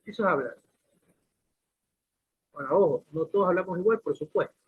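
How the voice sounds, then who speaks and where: Brisk and breathy-edged, this man's voice sits high. He teaches a class by posing questions and drawing on everyday examples, frequently starting his sentences over. The lecture comes through a lo-fi recording that sounds like a phone.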